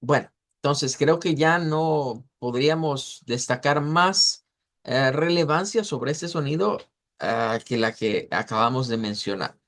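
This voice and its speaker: A man's voice: mid-range voice, a bit bright. Man teaching pronunciation, repeating words. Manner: explanatory, repeats words slowly to model sounds. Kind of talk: online class lecture.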